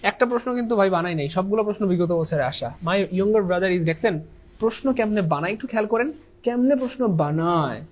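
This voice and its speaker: A man's voice: sits high, expressive, brisk, darkish tone. A man teaches an English grammar lesson, repeating his points and asking and answering his own questions. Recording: dull lo-fi sound.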